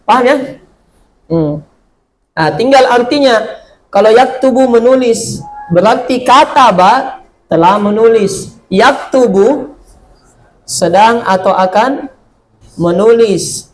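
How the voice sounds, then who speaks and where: A man teaching an Arabic grammar lesson, drilling verb patterns and answering his own questions, drawing out each Arabic word slowly. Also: very high voice, expressive, rough recording. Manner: slow, drawn-out reading of Arabic words. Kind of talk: classroom lesson.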